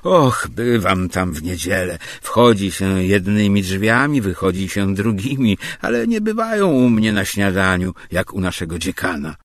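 Audiobook guy doing a small-town notary, dry, a bit sly, low voice. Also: big pitch swings, unhurried, hardly any pauses, no room sound.

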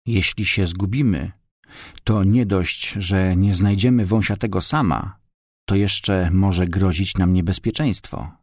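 A man reading a storybook, voicing a calm, careful grandfather who explains things patiently. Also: low voice, slow, no room sound, studio quality, heavily acted. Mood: cautious.

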